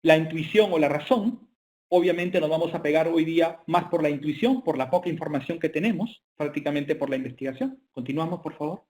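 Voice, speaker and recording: A man's voice: on the high side, a little fast, darkish tone. A man giving an online business lecture with slides, speaking hesitantly with frequent filler sounds.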